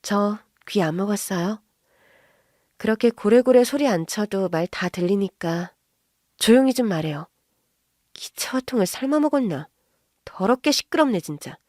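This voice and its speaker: A woman's voice: mid-range voice, normal speed, pauses often, dry recording, natural voice. Brief: poised young sister-in-law, played by a woman reader, cool and cutting, dry sound. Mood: cool mocking. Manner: calm, cold, quietly mocking.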